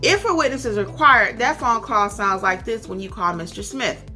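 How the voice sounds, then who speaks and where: An American woman with a slightly high, sharp-toned voice speaks at a moderate pace over soft background music. As an instructor and host of tutorial videos for notary signing agents, she gives an instructional talk with acted-out example phone calls, stressing and repeating her key points.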